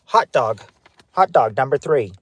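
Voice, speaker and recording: A man's voice: mid-range voice, animated, measured pace, no room sound. Upbeat man hosting a livestream game. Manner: upbeat, reads answers and greets chat viewers by name. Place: in his car parked outside a courthouse.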